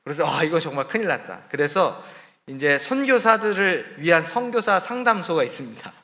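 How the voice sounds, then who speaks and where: A man who is a missionary, telling his own story in a sermon, candid and confiding, sometimes dropping soft. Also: on the high side, very animated, fairly quick, big-room sound. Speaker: missionary preacher. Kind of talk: testimony sermon. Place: church sanctuary.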